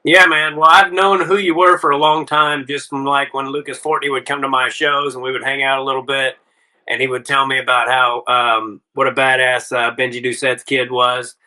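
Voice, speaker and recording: A middle-aged podcast host runs a casual interview in a friendly, rambling way, peppering it with "uh" and "man." His mid-range voice is bright and forceful, yet his delivery is flat and moderately paced. The audio quality is poor.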